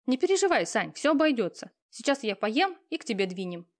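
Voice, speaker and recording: A woman's voice: a little high, sing-song, brisk. Cheeky young woman friend, matter-of-fact, a woman doing the voice in an audiobook. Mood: breezy. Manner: breezy, matter-of-fact, teasing. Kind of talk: audiobook character reading.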